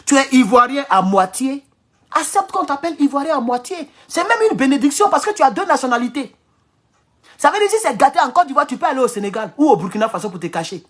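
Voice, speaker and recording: A man from Ivory Coast with an Ivorian French accent, giving an animated, casual political monologue at home, repeating phrases and chuckling often. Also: extremely high pitch, fast talker. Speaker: political commentator. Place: at home in his kitchen.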